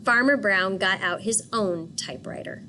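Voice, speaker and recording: A woman teacher reading a picture book aloud and pausing to ask children questions. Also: medium pitch, pushed and bright, slight background noise. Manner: patient, asks questions for children.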